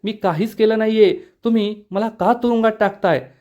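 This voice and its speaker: A man's voice: sits high, fairly even intonation, normal speed, darkish tone, voice pushed up, close to an everyday voice. A man reading the lines of an arrogant, abusive husband who angrily denies the charges. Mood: angry. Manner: angry, blustering. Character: bullying older husband, man, arrogant villain. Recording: dull lo-fi recording.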